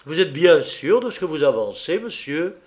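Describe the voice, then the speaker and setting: A man's voice: a little high, big pitch swings, normal speed, a little mellow, voice pushed up. A man voicing an agitated young army captain in an audiobook, pressing his questions with urgency. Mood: urgent. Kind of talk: audiobook character voice.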